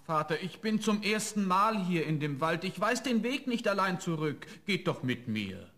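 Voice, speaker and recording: A man's voice: high voice, sing-song, moderate pace, bright, forceful tone, full character voice. A young man playing a clever, cheeky student, firm with a spirit and polite to his father, in a fairy-tale radio play. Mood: coaxing. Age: young adult.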